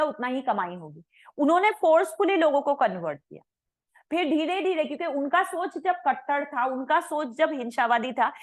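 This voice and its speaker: A woman with a noticeably high voice lectures to an online class. Her delivery is conversational rather than formal. She drops English terms into the middle of her explanations. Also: poor audio. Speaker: teacher. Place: coaching class.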